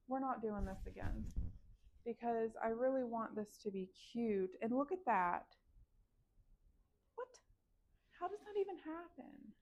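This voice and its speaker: In this dull lo-fi clip, a sewing vlogger chats casually to camera while working at her sewing. Her voice sits on the high side with a darkish tone and some vocal fry, and she grumbles her frustrations aloud to herself and the people watching.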